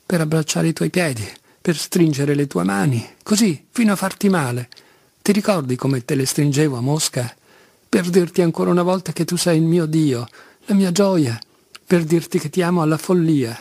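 A man's voice: medium pitch, moderate pace, a little mellow, no echo, clean studio sound, natural voice. A man reading as Katia, a fervent young woman. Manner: fervent, breathless declarations. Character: tormented young woman, proud, passionate.

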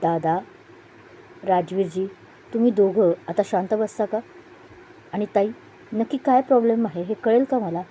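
A young woman steps in to stop a family squabble, as a woman storyteller reads her. The tone is dark and mellow, over a faint hiss. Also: mid-range voice, moderate pace, pauses often, lightly acted, poor audio. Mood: calming. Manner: calming, direct. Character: young woman, peacemaking sister-in-law.

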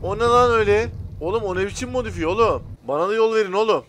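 A man hosting a gaming video, chatting to viewers in casual commentary, excitable and profane as he shouts at other drivers. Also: high-pitched, quick pace, a little hiss or hum. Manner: talks directly to viewers.

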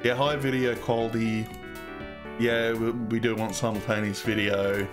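Male host, casual let's-play chat, sweary and rambling, lowish voice. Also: level tone, moderate pace, music in the background. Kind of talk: casual game commentary.

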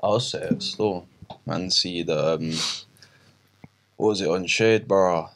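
Young man, low voice, London roadman accent, informal slangy podcast talk. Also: slow pace, creaky. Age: young adult. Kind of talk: casual podcast chat in slang. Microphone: boom-arm podcast microphone.

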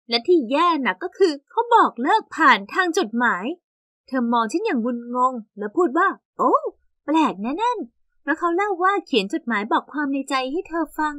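A young woman narrating an animated story in the first person with lively, exaggerated storytelling. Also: sits high, no room sound, clean studio sound.

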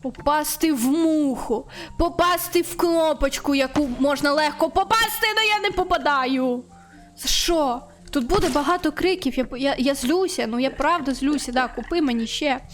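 A woman's voice: high-pitched, normal speed, soft background music. A woman streaming a video game, talking to the game as she plays and shrieking when it goes wrong. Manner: excitable, shrieks when frustrated; talks to the game. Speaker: gaming streamer. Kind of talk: let's-play commentary.

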